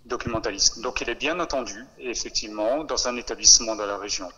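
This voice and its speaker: Bright-voiced man over a speakerphone. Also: mid-range voice, slightly rough. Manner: hesitant, with many filler pauses. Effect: heard over a phone on speakerphone. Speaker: education official addressing trainee teachers. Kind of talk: formal briefing. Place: relayed into a meeting room over a speakerphone. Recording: phone on speakerphone with long room reverb.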